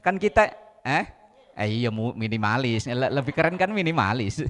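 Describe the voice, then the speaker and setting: A man's voice: medium pitch, sing-song, normal speed, a bit bright, big-room sound. A man with an Indonesian accent, a preacher who quotes Arabic verses and explains them with small jokes on a religious TV talk show. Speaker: Islamic preacher. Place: TV studio.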